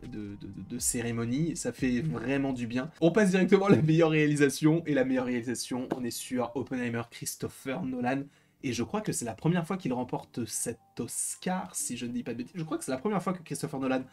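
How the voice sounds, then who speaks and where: A man's voice: mid-range voice, brisk, a little mellow. Hesitant man talking over faint music. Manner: hesitant, many fillers and restarts. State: a bit tired. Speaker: film commentator. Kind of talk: casual commentary.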